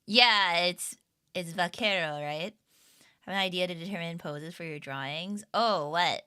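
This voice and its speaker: Bright, giggly young woman streamer. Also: fairly low pitch, a little slow, smooth. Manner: rambling and giggly, with lots of fillers. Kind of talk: casual livestream chat with viewers.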